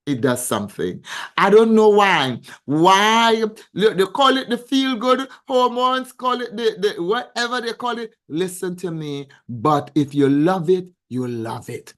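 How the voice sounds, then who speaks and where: A woman financial coach hosting a weekly live stream, reading viewers' comments aloud and answering each one with a stream of yeses and praise. She gets excitable, and her voice leaps upward when she does. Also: medium pitch, unhurried. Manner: effusive, showers comments with repeated yeses and praise.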